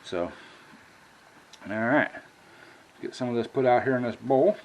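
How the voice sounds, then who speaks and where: Speaking at a measured pace, this American home cook has a medium-pitched, darkish voice and addresses his vlog viewers as y'all in a folksy, plain-spoken way. The audio from his indoor kitchen is poor, with clear background noise and kitchen ambience.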